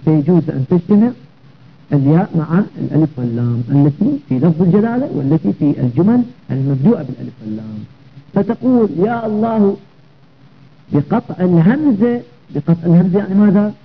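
A man's voice: on the high side, big pitch swings, fast talker, slightly rough, narrow, tinny audio. A man teaching a grammar lesson, explaining step by step and checking understanding with rhetorical questions.

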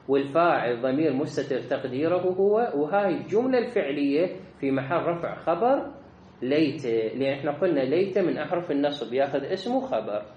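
A male grammar teacher, a bit high-pitched, whose voice rises and falls a lot as he parses sentences. He keeps asking questions and answering them himself. The room is echoey, with faint ambience behind him. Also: darkish tone, a little hiss or hum. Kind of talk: grammar lesson, parsing sentences aloud.

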